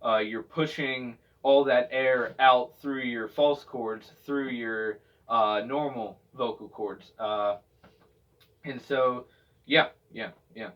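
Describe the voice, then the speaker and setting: A man's voice: medium pitch, fairly even intonation, takes it slowly. A man giving a casual spoken tutorial as a vocal technique instructor, talking in a hesitant, rambling way and repeating himself. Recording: dull, distant microphone sound.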